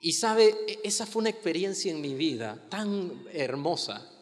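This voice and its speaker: A male pastor preaching a sermon with emphatic stresses and soft slow asides, calling the congregation to repeat after him. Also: fairly high pitch, expressive, long reverb tail. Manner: invites the congregation to repeat lines.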